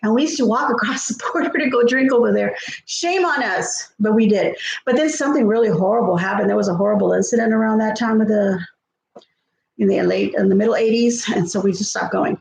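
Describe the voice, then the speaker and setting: Fairly high-pitched yet creaky and darkish, this South Texas woman in her fifties talks fairly quickly with a Texan accent during a live cooking stream at home. She rambles in a friendly manner, often laughing and trailing off, over a roomy, low-quality recording with slight hiss or hum.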